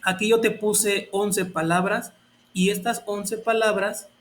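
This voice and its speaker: A man's voice: high-pitched, little pitch movement, slow, fairly bright tone. A man, teaching a grammar lesson step by step in a patient, explaining way.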